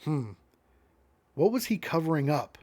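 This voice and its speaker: A man reading the lines of a grieving woman who speaks softly and mutters to herself. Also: on the high side, very animated, a little slow. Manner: soft, muttering. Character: grieving woman, quiet and tearful.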